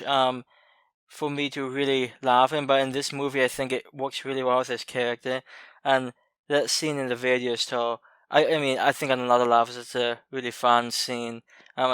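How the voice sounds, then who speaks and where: A man in a relaxed podcast chat about films, weighing his views with frequent "um" pauses and soft laughs. His voice is smooth and clear at a middle pitch. The recording is dry and close. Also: no echo. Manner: thoughtful, many "um" pauses, light laughter. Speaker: podcast co-host. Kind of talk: casual movie chat.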